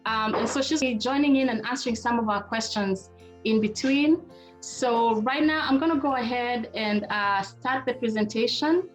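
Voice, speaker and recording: A middle-aged marriage therapist from Kenya hosts a webinar on a video call, speaking in an informal, conversational manner right to her listeners. Her voice is a little high and moves at a moderate pace, with soft music in the background.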